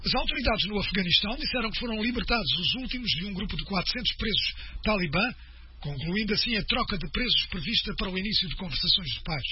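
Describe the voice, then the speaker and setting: A high-voiced man reads the radio news in a steady, formal way. The sound is muffled broadcast audio with a faint hiss underneath. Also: fast talker. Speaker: news presenter. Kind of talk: scripted radio news reading.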